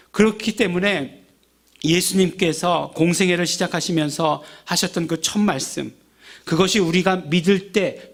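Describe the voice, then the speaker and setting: Male pastor, high and gravelly, conversational sermon full of rhetorical questions. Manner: acts out everyday grumbling in quoted asides.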